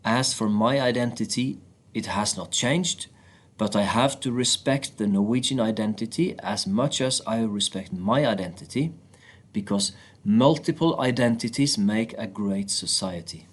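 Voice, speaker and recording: A man reading first-person passages aloud from a book in a steady, plain manner. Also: fairly low pitch, measured pace.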